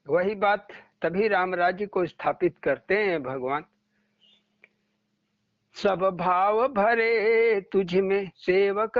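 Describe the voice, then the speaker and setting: A man's voice: high voice, dry recording. A man giving a devotional satsang talk, telling stories and acting out the dialogue in them. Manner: storytelling, acting out quoted dialogue. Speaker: spiritual teacher. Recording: muffled lo-fi recording.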